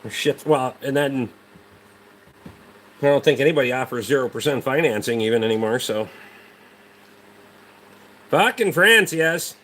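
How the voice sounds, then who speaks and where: On a livestream he hosts, a man from Rhode Island with the local accent chats casually with viewers, answering them bluntly, dismissively, and with heavy profanity. His pitch is medium and his pace moderate, with frequent pauses. Slight background noise is present.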